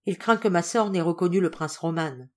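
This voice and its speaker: A woman's voice: lowish voice, fairly quick, lightly acted. A woman voicing an anxious, devoted grown daughter in an audiobook, speaking earnestly. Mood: gentle. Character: anxious loving adult daughter, a lady.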